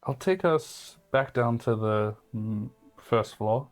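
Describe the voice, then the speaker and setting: A man speaks slowly in a medium pitch as faint music plays, voicing his character in a tabletop game. He rambles, hesitates, and uses many fillers.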